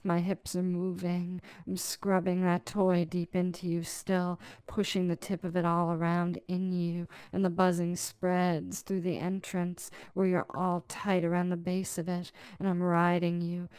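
A woman performs a sensual adult ASMR role-play, purring intimately as though right at the listener's ear, her phrasing slow, deliberate and lingering. The voice is fairly low, a little mellow and clean, with no echo.

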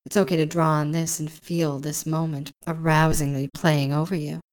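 A woman speaking intimate guided hypnosis in a slow, soft, soothing voice with lingering phrases. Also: low voice, level tone. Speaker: hypnosis narrator.

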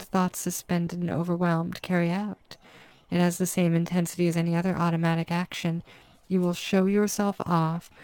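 A woman speaking as a hypnotist, giving a slow, soft, repetitive trance induction. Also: on the low side, clear, resonant tone, no room sound, poor audio. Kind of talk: scripted erotic hypnosis narration.

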